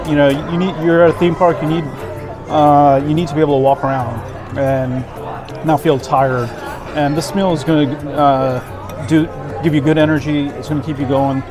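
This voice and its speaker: A man giving a casual food review to camera, savoring what he eats with delighted approval. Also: fairly high pitch. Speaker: food vlogger. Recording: background music and crowd chatter.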